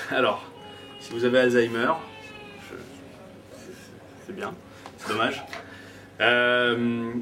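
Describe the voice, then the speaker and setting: A French DJ in his twenties chats casually as an interview guest, joking around and using lots of hesitant fillers. His medium-pitched voice is level and sharp-toned, and he speaks slowly with long pauses. The mic is distant and the background noisy.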